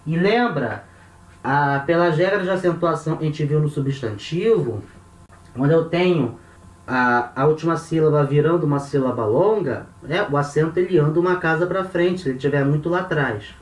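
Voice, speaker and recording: A man with a Brazilian Portuguese accent teaches Ancient Greek grammar step by step, counting syllables aloud. His voice is on the high side and moves at a moderate pace. He sounds off-mic in a room with a roomy echo.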